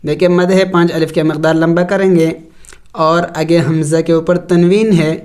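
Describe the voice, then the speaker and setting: Man, tajweed teacher, smooth resonant voice, slow spelled-out recitation. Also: fairly high pitch, level tone, a little mellow, faint music behind. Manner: slow drawn-out recitation between plain explanations. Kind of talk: spelling out and reciting Arabic letter by letter, then explaining rules.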